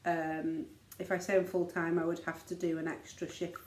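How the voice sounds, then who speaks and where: A woman's voice: lowish voice, flat delivery, normal speed, a little mellow, reverberant, slight background noise. A middle-aged woman, a mother chatting casually in an easygoing, rambling way as co-host. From Liverpool, England. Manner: rambling, easygoing, filler-heavy. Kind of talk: casual chat.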